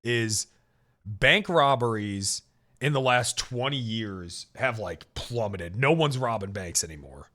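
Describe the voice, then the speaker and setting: A man's voice: fairly low pitch, animated, slow pace, pushed and bright. A man in his thirties hosting a casual podcast chat, joking and swearing, often restarting his sentences. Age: 30s. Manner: joking, profane, rambling with restarts. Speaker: podcast host.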